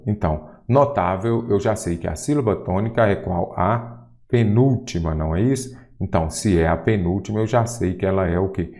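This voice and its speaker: Man, Brazilian accent, middle-aged, low-ish voice, grammar teacher, exam walkthrough, rhetorical questions. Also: darkish tone. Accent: Brazilian Portuguese. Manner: rhetorical questions, drawn-out answers. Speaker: Portuguese teacher.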